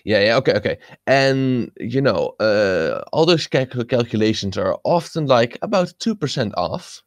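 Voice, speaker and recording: A man's voice: medium pitch, sing-song, unhurried, no room sound. A young man from the Netherlands chatting casually, hesitant with many restarts and a playful streak. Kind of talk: casual podcast chat.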